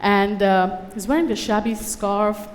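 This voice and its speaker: A woman who grew up in Dubai stands on a conference stage before an audience, giving a personal talk that's witty and conversational with wry asides. Her medium-pitched voice moves at a measured pace, heard in a large hall with a little hiss or hum in the background.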